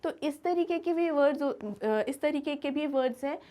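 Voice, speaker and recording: Lady teacher, high voice, keeps asking the class questions then answers them herself. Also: moderate pace, dark tone. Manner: asks questions and answers them herself, addresses students as beta. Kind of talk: grammar lesson explaining to students.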